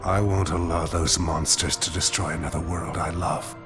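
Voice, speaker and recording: An actor playing a solemn, noble Martian superhero in a video game cutscene, with a formal, grave delivery. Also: male voice, low-pitched, flat delivery, normal speed, music in the background, close to an everyday voice.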